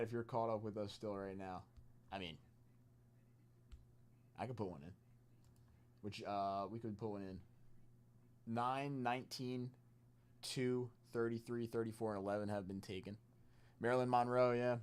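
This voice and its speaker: A man's voice: on the low side, normal speed, pauses often, clean tone. A man hosting a live card-break stream, chatting off the cuff with viewers and hyping the spots on offer in a casual sales style. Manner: off-the-cuff, chatting with viewers between spot counts.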